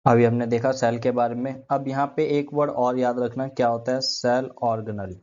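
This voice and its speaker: A man's voice: medium pitch, little pitch movement, moderate pace, a little mellow. Guy teaching a class, keeps asking then answering, repeats the key words, kinda dull lo-fi sound. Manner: asks questions and answers them himself; repeats key terms, uses everyday comparisons. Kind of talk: classroom lecture.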